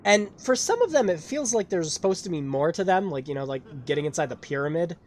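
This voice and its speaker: A man's voice: a little high, big pitch swings, fairly quick, a little mellow, slight background noise. A man streaming a game, talking casually, laughing often and swearing. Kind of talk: casual let's-play commentary.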